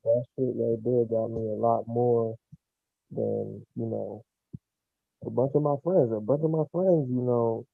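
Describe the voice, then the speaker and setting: Muffled gravelly man, as through a wall. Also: medium pitch, fairly even intonation, a little slow, no echo, faint music behind. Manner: laid-back slangy talk. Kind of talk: casual chat. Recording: dull lo-fi muffled remote audio.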